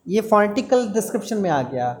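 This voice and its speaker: A woman's voice: mid-range voice, very animated, a little fast, darkish tone, a little hiss or hum. A woman teaching a lesson in Hindi with terms, explaining step by step and repeating key terms. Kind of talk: classroom lecture.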